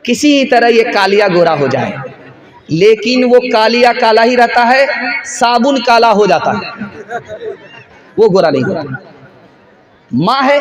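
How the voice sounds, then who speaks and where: A man preaching an emphatic sermon at a religious gathering, often asking rhetorical questions. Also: high voice. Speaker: Islamic preacher. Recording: crowd audible behind the speech. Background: crowd.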